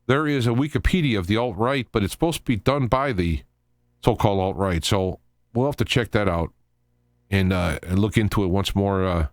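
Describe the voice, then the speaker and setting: A male host of a live talk radio show offers unscripted commentary that rambles and halts, full of stops, starts and digressions. His voice sits on the low side, with no echo.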